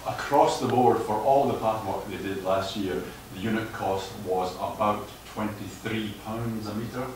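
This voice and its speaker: A man's voice: on the low side, measured pace, hardly any pauses. A man giving a lecture on footpath management and answering questions, often stumbling and repeating words. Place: lecture hall. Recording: echoey hall, distant mic, noise.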